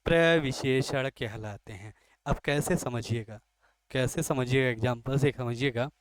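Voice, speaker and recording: A man's voice: medium pitch, unhurried, no room sound. A man teaching grammar in an exam-coaching lesson, asking a question and then answering it himself, and repeating each key term several times.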